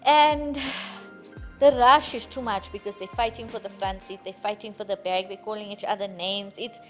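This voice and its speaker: A woman's voice: medium pitch, fairly even intonation, moderate pace, a bit bright, soft background music. A woman co-hosting a casual podcast chat, a mother who talks animatedly and laughs often while telling stories. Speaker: podcast co-host.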